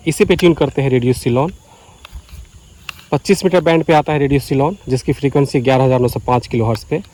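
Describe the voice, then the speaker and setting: This vlogger's mid-range voice is a little mellow, and the recording carries a slight hiss or hum. He gives a relaxed, explanatory talk to viewers outdoors by the paddy fields of a village.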